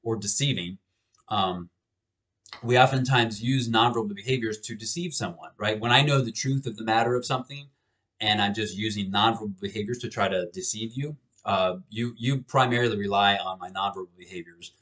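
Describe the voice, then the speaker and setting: A professor in his thirties gives a casual, conversational webcam lecture from his small home office, frequently restarting and repeating words. The lowish, slightly bright voice moves fairly quickly, and the audio quality is poor.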